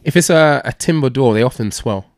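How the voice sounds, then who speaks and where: A man's voice: mid-range voice, fairly quick, no echo, studio quality. A man, chatting casually as a guest on a podcast.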